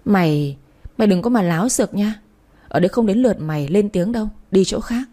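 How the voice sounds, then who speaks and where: A woman's voice: medium pitch, expressive, brisk, mellow, natural voice. Woman doing a scornful, haughty young woman. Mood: scolding. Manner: scolding, demanding.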